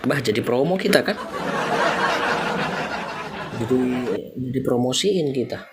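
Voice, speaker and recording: A man's voice: mid-range voice, animated, unhurried, over loud music. Chatty man. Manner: chatty, loose, mixing in English thanks. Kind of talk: casual live-stream chat.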